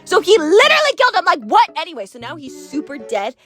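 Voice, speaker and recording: A woman acts out a teenage valley girl with a bright, very animated voice and a Californian accent. She gossips and gushes through a comic monologue, dramatic and full of "like". Faint music plays behind her. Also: extremely high pitch, quick pace, heavily acted. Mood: dramatic, appalled. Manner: valley girl slang, dramatic, gushing, heavy use of "like". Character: bubbly, gossipy teenage valley girl retelling Bible stories.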